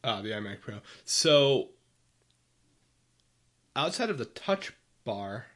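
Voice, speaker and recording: A man's voice: mid-range voice, very animated, takes it slowly, fairly bright tone. A man co-hosting a podcast in casual chat, stating firm opinions and arguing his points. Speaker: podcast co-host.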